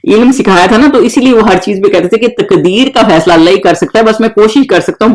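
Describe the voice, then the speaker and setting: Gravelly-voiced man explaining scripture. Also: high voice, poor audio. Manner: reads Arabic verses slowly, then explains informally with many pauses. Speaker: Quran teacher. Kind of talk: verse-by-verse Quran explanation.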